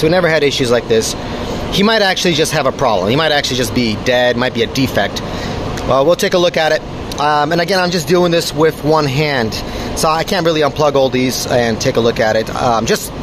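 A man filming one-handed on a phone as he walks through a server room, explaining hardware problems while he checks the machines. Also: a little high. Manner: talks while filming and handling hardware, thinking aloud. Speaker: mining farm operator. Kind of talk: casual hands-on walkthrough. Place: large indoor server room with fans. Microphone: handheld phone camera, filmed one-handed. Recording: loud fan and air conditioning hum.

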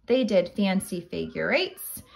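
In a creaky, mid-range voice, a woman teacher tells a children's picture book story aloud with expressive, deliberate pacing.

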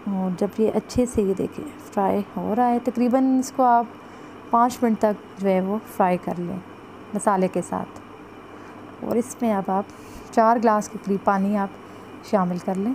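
A woman's voice: mid-range voice, steady tone, a little slow, darkish tone, a little hiss or hum, low-quality recording. A woman talks through a recipe step by step as a cooking vlogger. She keeps saying "jo hai" and points to the pot while she cooks in her home kitchen. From Pakistan. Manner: chatty, repeats "jo hai" and "ye dekhein" while showing the pot.

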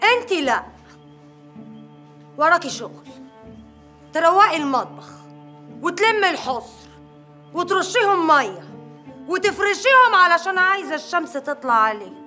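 A woman's voice: very high voice, sing-song, moderate pace, long pauses, pushed and bright, faint music behind, heavily acted. An actress playing a domineering village woman in an Egyptian TV drama, scolding and mocking in an Egyptian Arabic accent. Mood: bossy. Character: domineering village woman mistress, sharp-tongued.

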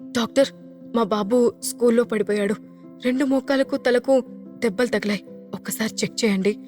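A woman's voice: on the high side, normal speed, darkish tone, faint music behind, close to an everyday voice. A woman voicing a protective young mother who speaks anxiously and confrontationally in an audio drama. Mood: worried.

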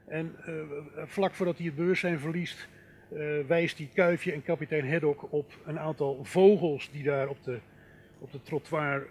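A middle-aged man giving a thoughtful lecture as a philosopher, talking reflectively with many fillers and asides to the audience. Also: a little high. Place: lecture hall.

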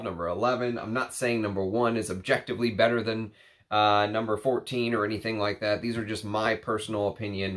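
A perfume reviewer in his thirties talks casually to camera from a home room lined with shelves of perfume bottles. Congested from a cold, his fairly low voice is slightly nasal and a bit bright, and he's chatty and rambling with frequent fillers.

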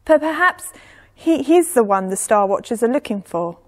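A woman's voice: a little high, lively intonation, moderate pace, a little mellow. A woman voicing nervous royal advisors in a story told for children, stammering and timid. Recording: echoey church hall.

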